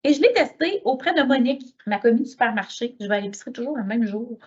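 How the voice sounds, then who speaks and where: A middle-aged woman with a Quebec French accent giving a conference talk, telling lively stories and acting out the dialogue. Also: fairly high pitch, fast talker, breathy edge, dull audio. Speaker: lecturer.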